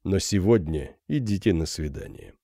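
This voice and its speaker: A man's voice: low voice, expressive, normal speed, dry recording, clean studio sound. A man doing a cold, grave cloaked phantom. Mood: menacing. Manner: quiet, grave, sepulchral. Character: menacing cloaked male phantom, cold and calm.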